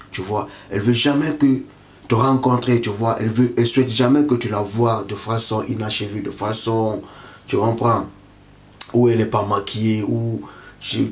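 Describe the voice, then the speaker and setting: A man giving dating advice straight to the viewer in a casual monologue, who keeps checking if the listener understands. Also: lowish voice. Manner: repetitive, keeps asking "tu comprends?".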